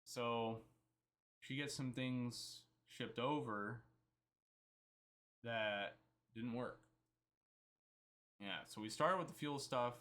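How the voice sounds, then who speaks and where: A man with a bright, forceful voice tells a story in a loose, rambling way. He talks casually and keeps quoting what he and others said along the way. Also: mid-range voice, extremely slow, long pauses. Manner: rambling, chatty, quotes himself and others. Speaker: vlogger.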